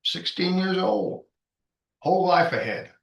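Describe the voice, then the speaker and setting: A man questioning witnesses as a lawyer in court, phrasing things informally and haltingly. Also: high voice, animated, gravelly. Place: indoor courtroom.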